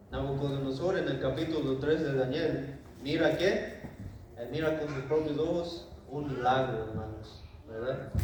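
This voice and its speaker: A man with a fairly high voice tells a Bible story to his congregation in a loose, chatty way, stepping into the characters' lines as he goes. He sounds distant from the microphone, his words ringing around a large, echoing church hall. A steady background noise runs under the whole recording. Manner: conversational, acts out the king's lines, tag questions. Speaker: preacher. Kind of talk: informal Bible lesson to a congregation.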